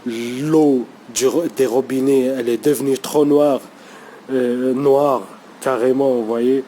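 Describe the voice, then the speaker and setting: A vlogger talks unscripted to the camera in a language that isn't his first, and his native language isn't French. His medium-pitched, mellow voice is steady and slow, hesitant and full of fillers, with frequent "you see" check-ins. There's slight background noise.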